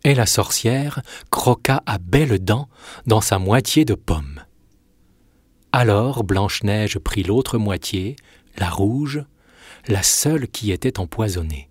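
A low, husky man reads a fairy tale aloud in a measured, expressive way. The sound is dry and close. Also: no echo. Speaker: narrator. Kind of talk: storybook narration.

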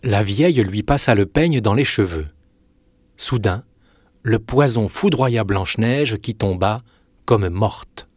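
A man narrating a fairy tale in a measured, expressive reading. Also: on the low side, dry recording, studio quality. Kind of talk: storybook narration.

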